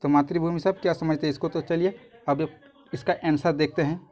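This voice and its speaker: A man's voice: on the high side, steady tone, a little fast, darkish tone. A man, a YouTube tutor walking through exam answers in a casual, repetitive way that often restarts phrases.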